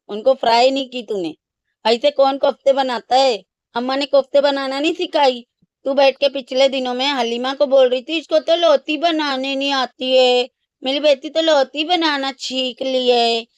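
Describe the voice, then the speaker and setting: A woman delivers a casual, ranting reaction commentary in a scornful, scolding tone. Her voice sits a little high and comes through smooth and clear. The sound is close and dry. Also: no room sound. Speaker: reaction channel host.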